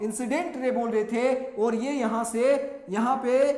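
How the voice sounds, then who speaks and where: A male physics teacher giving a classroom lecture, asking and answering his own questions and repeating key terms, mixing slowly spoken English technical phrases into his speech and addressing students with affectionate encouragement. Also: very high voice, fairly even intonation, darkish tone. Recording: echoey room.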